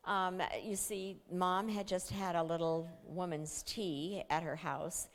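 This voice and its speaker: A woman giving a talk and telling a story in a conversational way, with fillers and restarts. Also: on the low side. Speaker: speaker. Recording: long hall reverb.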